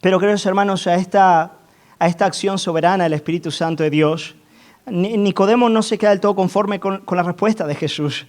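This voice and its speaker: A man's voice: sits high, a little fast. Fervent male pastor preaching a sermon. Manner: fervent, rising to emphatic climaxes, asks the congregation for affirmation; restarts and repeats words.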